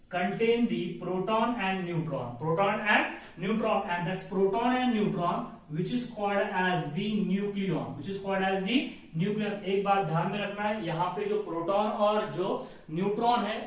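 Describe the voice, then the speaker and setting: A man teaching a chemistry lecture, who asks his students questions, answers them himself and repeats the key terms. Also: high voice. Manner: mixes in slow, drawn-out English phrases. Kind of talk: classroom lecture. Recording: echoey room, voice from far off.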